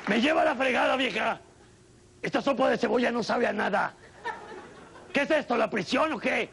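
Bossy, sarcastic Mexican father figure, put on by a male comic; a loud rant over a live crowd. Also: very high-pitched, normal speed, background noise. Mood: furious. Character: loud furious middle-aged father ranting at dinner.

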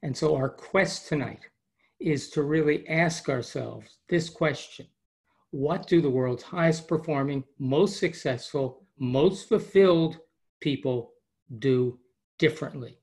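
A man who is a high-performance coach, presenting a webinar over a video call with enthusiastic, rambling delivery and frequent restarts. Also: slow, vocal fry, darkish tone, breathy edge.

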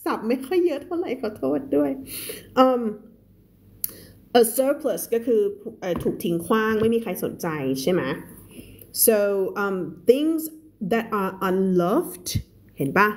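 Lady teacher doing a live reading class, slow and patient, says words over and over. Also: on the high side, sing-song. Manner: explains word by word, repeats words for stress and sounds. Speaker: English teacher.

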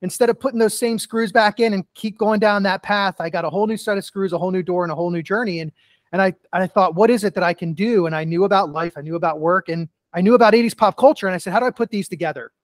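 A man's voice: high-pitched, fast, no room sound. A middle-aged man, a guest author and keynote speaker, telling earnest stories in a casual podcast interview, often saying "you know". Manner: earnest storytelling with many "you know" fillers.

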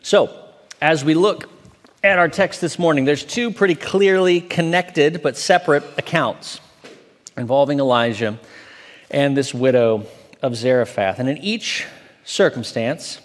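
Man, 40s, associate pastor, measured scripture reading and sermon, church hall reverb. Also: fairly high pitch. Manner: measured, reads aloud slowly from an open Bible. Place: church stage, large indoor hall.

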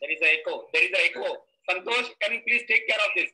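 A man's voice: high-pitched, fast talker, sharp tone. A man hosting a webinar, his formal welcome echoing back as a delayed copy from a second device. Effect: delayed echo of his own voice replayed through a second device. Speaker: webinar host. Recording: tinny echo from a second device.

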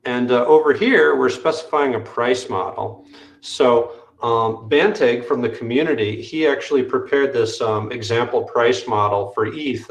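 A man walking through software on a screen-share video call, explaining step by step with frequent fillers. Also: medium pitch, roomy sound. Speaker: developer demoing software. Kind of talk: technical screen-share walkthrough.

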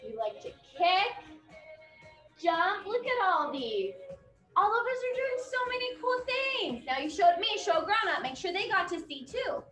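High, bright, singsong kids'-theatre woman. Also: a little slow. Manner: broad singsong kids' theatre delivery, encouraging; energetic, demonstrating moves while talking. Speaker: children's dance teacher. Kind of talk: dance lesson for young children. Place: indoor dance studio, distant camera. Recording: echoey studio, distant mic, music behind.

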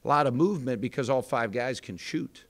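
Animated and fairly quick, his voice sits at a medium pitch. He is a thirtysomething American head basketball coach at a postgame press conference, candid and full of fillers and restarts. The setting is an indoor press room with a sponsor backdrop, and he speaks into a table microphone placed in front of him.

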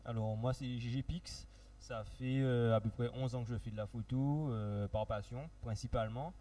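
A man's voice: medium pitch, steady tone, normal speed, dark tone. A young man introducing himself informally on a panel, hesitant and searching for words, on a handheld microphone. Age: young adult. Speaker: photographer guest. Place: dark event stage. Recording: faint hum and noise.

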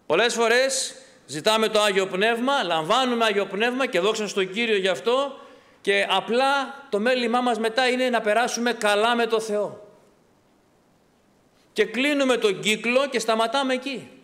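A man's voice: very high-pitched, fairly bright tone. A male pastor delivering an impassioned sermon, asking rhetorical questions and answering them himself. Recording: long hall reverb.

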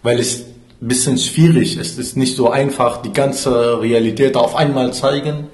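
A man playing an undercover agent posing as a museum worker, speaking halting German with an Arabic accent and a blunt, swearing manner. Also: mid-range voice, fairly even intonation, darkish tone, echoey room, natural voice. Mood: deadpan.

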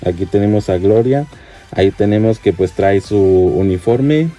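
A man giving relaxed, chatty commentary while unboxing toy figures at a display shelf, with plenty of fillers. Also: fairly low pitch, a little slow, dull audio, soft background music.

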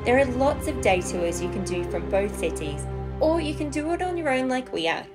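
A woman's voice: high voice, very animated, moderate pace, loud music behind the voice. A woman in her thirties reading a scripted, enthusiastic travel voice-over. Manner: bright, enthusiastic. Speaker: narrator.

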